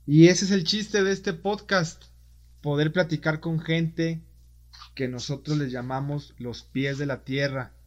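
Friendly and conversational, this male podcast host puts questions to his guest and closes the interview warmly. His voice leans high, a little slow, with fairly even intonation, captured in dull lo-fi audio.

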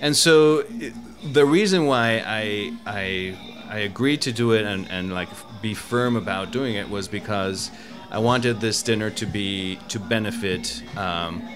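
Over background music, a Mexican-born man speaks somewhat slowly in a lowish voice. He's a guest chatting casually about food and cooking, rambling with plenty of fillers and restarts.

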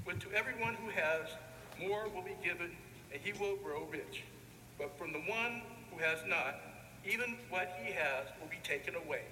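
High, bright male reader in cathedral echo. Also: animated, normal speed. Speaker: deacon reading the Gospel. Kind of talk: solemn liturgical scripture reading. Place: large reverberant church. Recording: echoey church, long reverb, background noise.

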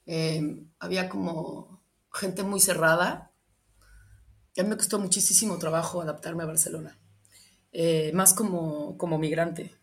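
A young Mexican woman who grew up in Michoacán, answering interview questions and telling stories with lively, acted-out quotes. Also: fairly low pitch, a little slow. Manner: animated storytelling, acts out quoted lines.

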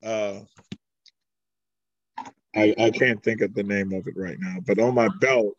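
Slow, halting masked wrestler, man. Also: on the low side, fairly even intonation, muffled recording. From Greece. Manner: halting, searching for words. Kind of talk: interview answers.

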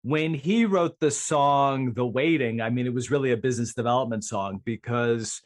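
A man's voice: mid-range voice, normal speed. A man chatting casually as a guest coach in a podcast interview.

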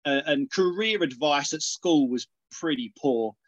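Middle-aged Essex man, lighter-pitched, chatting. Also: expressive, a little slow, no room sound, dull audio. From Essex, England. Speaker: podcast guest, organic dairy farmer. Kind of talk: casual conversational interview.

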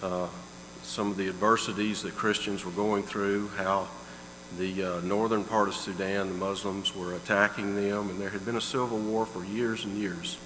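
A man's voice: lowish voice, level tone, moderate pace, fairly bright tone. A middle-aged man giving a heartfelt storytelling introduction of a guest in church. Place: church sanctuary. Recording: long hall reverb, faint mains hum.

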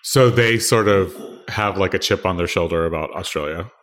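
A man co-hosting a casual podcast chat, who backs the story with quick agreement and follow-up questions. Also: deep voice, a bit bright. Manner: quick affirming interjections, asks follow-up questions.

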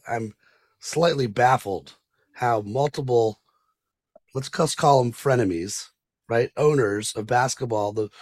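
A male podcast host chats casually with his guest in a mid-range voice. He rambles a little, leaning on fillers and restarting his sentences. The tone stays loose and conversational. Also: mid-range voice. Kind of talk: podcast interview.

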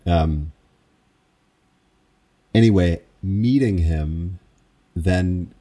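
A man's voice: a bass voice, warm tone, breathy edge. A man who calls square dances, recalling in a casual interview how he learned his craft, in a meandering, reflective, self-amused way.

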